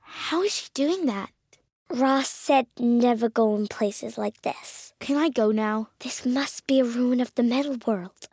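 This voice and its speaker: Young Aloy, high-pitched curious little girl. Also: unhurried, a little mellow, no room sound. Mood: hushed curiosity. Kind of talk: video game voice lines.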